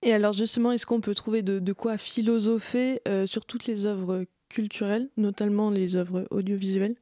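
A woman interviews a guest on the radio, friendly and quick to giggle. Her voice is mellow and dark in tone. The studio sound is very dry. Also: medium pitch, fairly even intonation, no echo.

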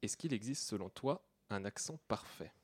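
A man's voice: on the low side, expressive, moderate pace, breathy edge. A young man, hosting and moderating a casual discussion. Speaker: host.

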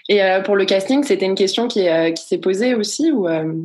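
A woman's voice: medium pitch, animated, fairly quick, a little mellow. A woman interviewing a guest over a video call, with precise, informative questions.

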